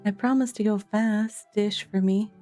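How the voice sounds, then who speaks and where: A woman's voice: mid-range voice, steady tone, measured pace, warm tone. A woman streaming a game from home, chatting casually to viewers with frequent laughs and loose fillers. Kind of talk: casual live-stream chat. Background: faint chill background music.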